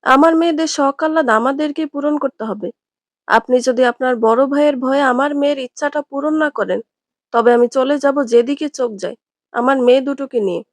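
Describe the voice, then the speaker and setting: A woman's voice: high voice, moderate pace, no echo, close to an everyday voice. A woman voicing a middle-aged mother who grumbles indignantly at her husband.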